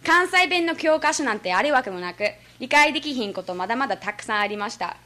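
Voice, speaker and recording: Teen girl from the US, Kansai-accented, earnest prepared speech, bright tone. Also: on the high side, lively intonation, fast. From United States. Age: late teens. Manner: earnest, with frequent small laughs. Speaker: student speech contestant.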